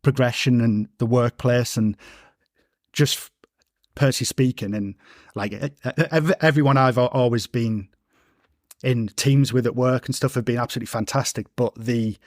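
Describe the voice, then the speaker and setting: A man's voice: mid-range voice, moderate pace, darkish tone, no echo, studio quality. A man, hosting a podcast interview and speaking with a stammer, repeating sounds and restarting words. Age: 30s. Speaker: podcast host. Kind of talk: conversational interview.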